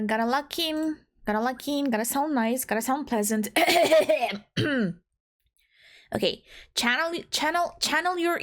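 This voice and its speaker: With a voice on the high side, a young VTuber from the Balkans, Southeastern Europe, talks to herself between recording takes through a blocked nose and a slight Albanian accent. Captured on a home mic, she's frazzled and giggly, scolding herself and restarting lines.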